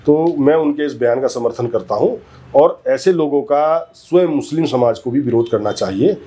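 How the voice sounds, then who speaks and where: A man's voice: mid-range voice, moderate pace, mellow, breathy edge. A man as a guest in a heated political interview, talking emphatically, arguing his points and often cutting in over the interviewer. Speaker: interview guest, community leader.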